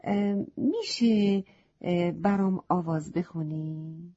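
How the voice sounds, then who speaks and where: A woman's voice: fairly low pitch, mellow, breathy edge. A woman voicing a curious, polite little boy in a children's story, asking wondering questions, on a slightly muffled recording.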